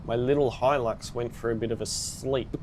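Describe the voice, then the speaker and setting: A man's voice: medium pitch, fairly even intonation, moderate pace, a little mellow, slight background noise. A man streaming a game live, chatting casually with viewers and reacting with upbeat exclamations.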